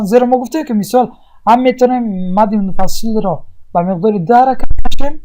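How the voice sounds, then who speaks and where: Mellow-voiced patient recitation teacher. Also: medium pitch. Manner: asks and answers own questions; explains step by step with many pauses. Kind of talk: tajweed lesson.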